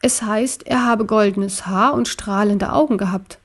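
A woman voicing Ariel, a small, brave male stuffed-toy elk in a storybook, speaking in a calm, thoughtful way. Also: medium pitch, a little slow.

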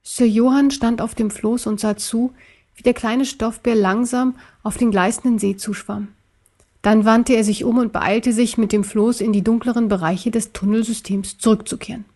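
A woman reads a children's story aloud in a calm, even storytelling tone. Her voice sits somewhat high. Now and then she drops into a soft whisper. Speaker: story narrator.

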